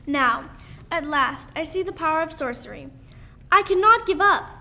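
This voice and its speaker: Teen girl as Doctor Strange, very high, bright. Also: lively intonation, normal speed, exaggerated voice. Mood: determined. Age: young teenager. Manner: dramatic, emphatic. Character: earnest, anxious woman doctor, former surgeon turned heroine. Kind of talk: amateur school radio play acting. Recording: faint background noise.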